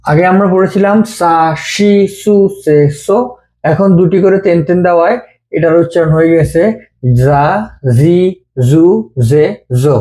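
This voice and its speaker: Patient man with a mellow voice. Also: high-pitched. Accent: Bengali. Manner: slow, patient, repeating each sound. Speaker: language teacher. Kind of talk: step-by-step script lesson.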